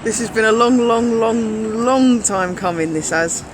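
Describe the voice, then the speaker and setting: Very high-voiced man, emphatic, noisy street. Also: fairly even intonation, unhurried. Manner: emphatic, repeats words. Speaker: livestream co-host. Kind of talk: casual live chat urging viewers to share. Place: outdoors on a London street. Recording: outdoor phone stream with street noise.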